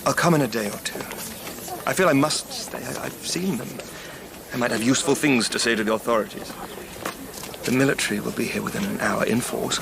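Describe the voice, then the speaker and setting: A male actor with a natural, gravelly mid-range voice portrays an agitated, stammering, imperious Edwardian English husband, distraught and domineering, in a period radio drama. There is noise in the background.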